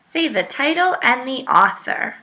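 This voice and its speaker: This first-grade teacher's voice sits high and has a sing-song lilt, moving at an unhurried pace with a pushed, bright quality. During a read-aloud lesson for young kids, she enunciates each word in a teaching manner and asks the children questions.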